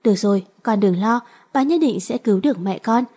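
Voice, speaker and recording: A woman's voice: medium pitch, lively intonation, fairly quick, mellow, close to an everyday voice. A woman reading aloud and voicing a middle-aged father who soothes his young son. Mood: soothing.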